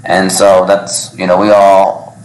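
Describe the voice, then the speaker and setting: A man of Yemeni background hosts a live podcast panel in an echoey restaurant room, his voice low-pitched, a little mellow, slow, and completely flat. He talks casually and rambles, hesitating with many ums and restarts.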